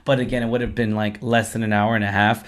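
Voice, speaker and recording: A man with a hoarse, worn-out voice hosting a casual film review chat, effusive and repeating himself. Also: on the low side, flat delivery, fast. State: hoarse, lost his voice after singing at a concert. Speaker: host of a movie review show.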